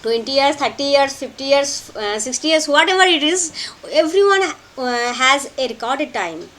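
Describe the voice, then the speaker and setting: A woman teaching a play in a lecture, slowly and emphatically, repeating key phrases for notes. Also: sits high, lively intonation, fairly bright tone. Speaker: literature teacher. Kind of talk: lecture explaining a play line by line.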